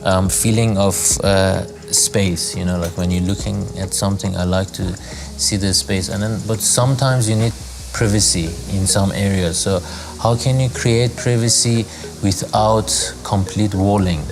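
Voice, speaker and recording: Very low voiced guy from zimbabwe, loose and chatty with lots of ums, music playing behind. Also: a little slow. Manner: relaxed, rambling with many fillers. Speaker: lodge owner and designer. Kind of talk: casual interview talk.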